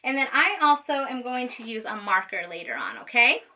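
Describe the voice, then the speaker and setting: A woman who teaches special education guides children through a craft step by step, patient and informal, often checking in along the way. Her fairly high voice is expressive, bright, and forceful, at a normal speed. The recording uses a distant microphone.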